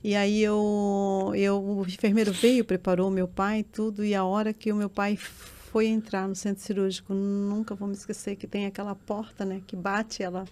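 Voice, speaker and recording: A woman's voice: mid-range voice, little pitch movement, moderate pace, few pauses, a little mellow, slight background noise. Emotional woman giving testimony. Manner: earnest, emotional storytelling that swells into tearful intensity.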